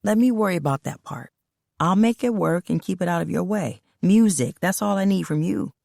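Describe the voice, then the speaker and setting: Lady reading a big scowly dude, calm and pushy, low rough voice, dry recording. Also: moderate pace, dry recording. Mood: cool. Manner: cool, level, persuasive. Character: huge scowling man, cool and businesslike.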